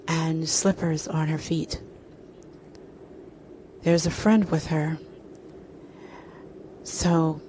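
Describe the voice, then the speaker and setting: A woman narrating a story slowly and deliberately, with repetitions. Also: sits low, warm tone, slight background noise. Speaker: speaker.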